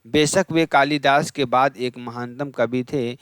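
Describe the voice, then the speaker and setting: A man's voice: medium pitch, steady tone, clear, resonant tone, dry recording. A man teaching an exam revision lesson, rattling through lists and quizzing the class, asking questions and then answering them himself. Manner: rapid list-reading, repeats answers. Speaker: Hindi exam-prep teacher.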